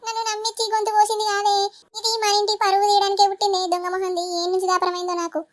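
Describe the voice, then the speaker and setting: Shrill wailing village mother. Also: level tone, racing. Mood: scolding. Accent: Telangana Telugu. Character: scolding middle-aged village mother, melodramatic. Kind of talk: cartoon voice acting.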